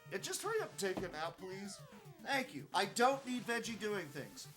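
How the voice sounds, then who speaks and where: A man's voice: high voice, big pitch swings, normal speed, music in the background. A tired, yawning man commentating his live speedrun in a casual style, rambling through joking, self-mocking asides.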